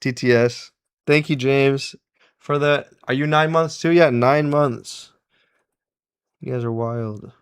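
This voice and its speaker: A man's voice, mid-range and steady, comes across clear and resonant, slow-paced with frequent pauses. He's hosting a casual live stream while soldering electronics, chatting, laughing often, and welcoming and thanking his viewers.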